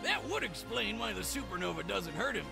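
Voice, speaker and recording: A brash, excitable action-show co-host acted by a man, pitched very high for a male voice and full of gravel. He delivers crude, slangy comic commentary with lively swings, over clear background music. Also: brisk, full character voice. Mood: brash, hyped.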